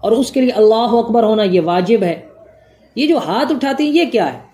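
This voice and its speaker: A woman's voice: on the high side, lively intonation, normal speed, warm tone. Methodical woman teaching a religious lesson. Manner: methodical, numbered points, asks and answers own questions.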